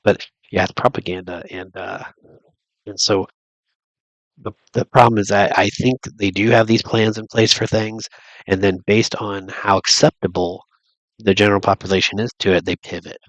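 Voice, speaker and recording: A man's voice: fairly low pitch, fairly even intonation, normal speed, fairly bright tone, no room sound, low-quality recording. A man with a stuffy nose from a cold, rambling through a casual monologue and thinking aloud with lots of restarts and fillers. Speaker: vlogger.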